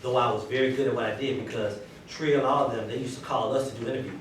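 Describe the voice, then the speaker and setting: A man's voice: medium pitch, steady tone, fast. Southern guy teacher chatting to class, telling stories, real echoey and far from mic, noisy. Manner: conversational storytelling, checks in with listeners. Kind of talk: informal classroom talk. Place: indoor classroom. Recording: very echoey, distant, noisy room.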